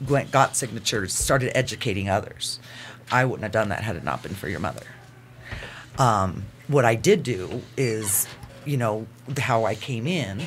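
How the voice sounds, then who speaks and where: A man speaking as a guest, telling personal stories in an earnest, halting, conversational way. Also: lowish voice, a bit bright. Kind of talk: personal storytelling in casual talk. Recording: faint background noise.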